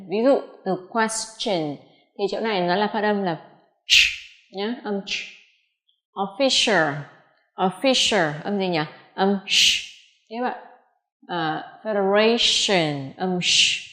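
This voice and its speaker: Woman pronunciation teacher, slow and careful on example words, roomy echo. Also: mid-range voice. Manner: slow, deliberate modelling of English words. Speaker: English teacher. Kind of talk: pronunciation lesson.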